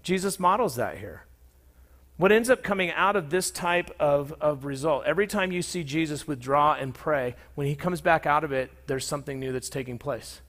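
A man preaching a sermon as pastor, in a conversational way, with fillers and restarts, acting out quoted voices with sudden jumps in pitch. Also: moderate pace, a bit bright.

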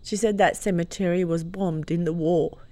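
A middle-aged woman with an Australian accent, a guest telling a personal story in an animated, warm way. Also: fairly low pitch, moderate pace.

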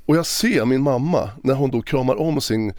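A man speaking as a podcast guest, recounting a personal story in a halting, emotional way with many restarts. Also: medium pitch, a little mellow, no echo, clean studio sound. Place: podcast recording session.

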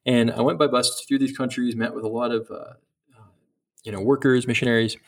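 A man's voice: mid-range voice, level tone, fairly quick. A middle-aged man speaking as a missionary guest in an interview, earnest and reflective, often restarting his sentences. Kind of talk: casual interview talk.

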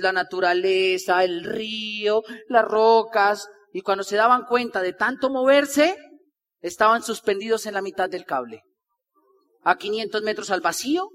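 On stage, a man with a high, bright voice gives an energetic motivational talk to a crowd. He's animated and repetitive, acting out the people he quotes, and the live recording carries long hall reverb.

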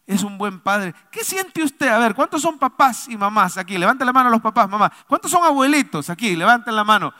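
High-voiced pastor preaching in a hall. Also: male voice, expressive, fairly quick, hardly any pauses. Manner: preaching to a congregation, rising and falling from soft to loud. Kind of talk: sermon. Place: church.

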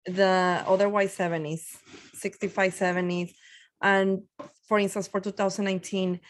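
A woman's voice: medium pitch, little pitch movement, normal speed, a little hiss or hum. Chatty woman in her thirties from Mexico. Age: 30s. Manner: chatty, many fillers and restarts. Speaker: guest marathon runner. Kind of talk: casual podcast interview.

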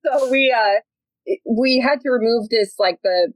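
A woman's voice: on the high side, unhurried, poor audio. A woman guest telling a road trip story in a chatty way, often laughing and saying "like". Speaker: podcast guest. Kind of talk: casual storytelling.

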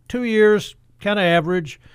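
A man's voice: high-pitched, normal speed, clear, resonant tone. A man hosting a financial talk show, asking questions and summarizing the guest's points. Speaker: host.

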